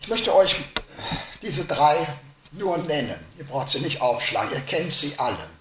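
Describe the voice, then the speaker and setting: A man preaching a sermon in a slow, deliberate way, his pitch swinging widely as he stresses words and then drops low. His voice is bright and slightly high. The room around him echoes. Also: very animated, a little hiss or hum. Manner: slow, emphatic, swinging between loud stresses and hushed drops.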